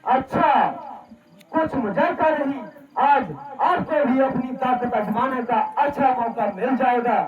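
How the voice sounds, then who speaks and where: A man's voice: extremely high pitch, a little slow, a crowd in the background. A man playing a defiant, mocking young warrior prince in a Ramleela folk stage drama, declaiming proud rhymed taunts. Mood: taunting, scornful. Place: stage of a Ramleela club, distant mic. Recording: echoey, muffled, distant stage sound.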